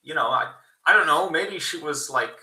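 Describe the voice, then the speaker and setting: A man hosting a casual livestream. He rambles and swears often, and his voice comes through thin and tinny with no bass from the wrong built-in computer microphone. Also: animated, moderate pace, pushed and bright, reverberant, far from the mic. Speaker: livestream host. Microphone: built-in PC microphone picked by default.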